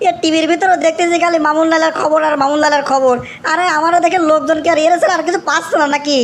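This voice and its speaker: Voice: very high voice, steady tone, fast talker, a little hiss or hum. A performer voicing an exasperated young village nephew in a comic cartoon, whining and repeating complaints. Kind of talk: comic cartoon dialogue, rustic dialect.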